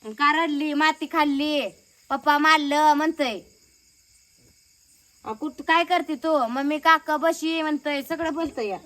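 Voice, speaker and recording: A woman's voice: high voice, a little slow, a bit bright. A young woman chatting casually in a home vlog, coaxing a toddler with questions. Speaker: village vlogger.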